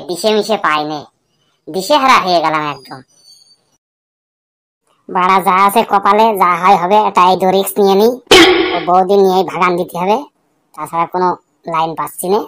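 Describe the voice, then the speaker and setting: A woman's voice: medium pitch, a bit bright, close to an everyday voice. A woman voicing a fretful, grumbling young village man in a cartoon. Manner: grumbling, swears a lot. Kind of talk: cartoon voice acting.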